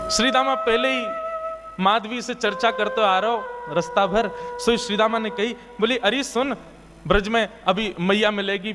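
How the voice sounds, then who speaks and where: A man telling a devotional katha in a lively, animated way. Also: high voice. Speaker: devotional storyteller.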